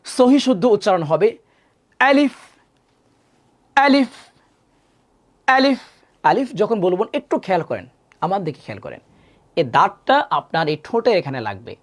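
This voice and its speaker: A male Quran teacher leading a live lesson, his voice rising and falling widely as he drills Arabic letters. He calls out each sound loudly and repeats it several times, then drops to a quieter tone to explain. He speaks straight to his viewers and asks them to repeat after him. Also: high voice, wildly swooping pitch, fast talker.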